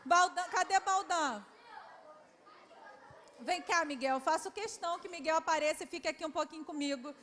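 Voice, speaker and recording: A woman's voice: extremely high pitch, moderate pace, pauses often, a bit bright. A Brazilian woman, a historian, running an affectionate quiz for schoolchildren in a large hall and coaxing them with endearments. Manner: affectionate, coaxing, calls children "my love". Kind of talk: lively quiz with children at a public event. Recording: reverberant hall, faint background noise.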